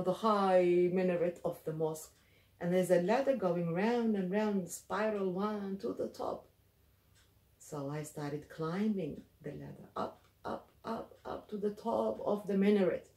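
A woman telling a funny folk tale to children in an expressive, animated storytelling manner. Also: mid-range voice, far from the mic. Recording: roomy, from the mic.

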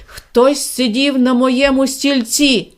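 A woman voicing a huge, angry male bear in a storybook reading, with a slow roaring shout. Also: sits high, fairly even intonation.

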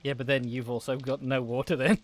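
A man's voice: mid-range voice, flat delivery, a little fast. A man hosting a casual let's-play, chatting and laughing often as he plays. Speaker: gaming channel host.

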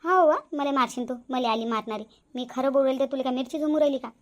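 A high, fast-talking cartoon village gossip, voiced by a woman who answers back in a lilt. She rattles out rumours and gets defiant when she is challenged, and her voice stays bright and rapid throughout. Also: dull audio, lightly acted. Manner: defiant, quarrelsome. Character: gossipy middle-aged village woman Chandrakala.

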